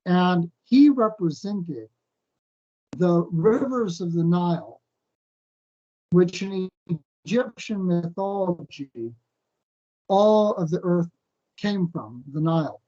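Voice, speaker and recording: A man teaching a weekly scripture portion, breaking off often with "um" and "uh" as he thinks aloud, and slowing into a fuller cadence when he reads a passage. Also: high-pitched, warm tone. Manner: halting, thinks aloud with many fillers. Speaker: Bible teacher. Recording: dull lo-fi recording.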